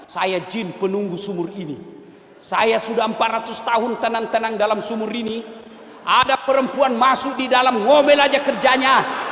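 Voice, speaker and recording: A man voicing a huge dark male jinn from an old well, loudly and exasperatedly complaining. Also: very high-pitched, steady tone, moderate pace. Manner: loud exasperated complaining, shouting. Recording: echoey hall with faint noise.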